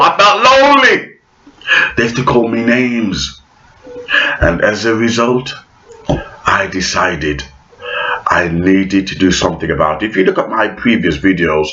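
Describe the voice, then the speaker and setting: A man's voice: low voice, bright, forceful tone, dull audio, slight background noise. A man vlogging a theatrical, mocking monologue to camera.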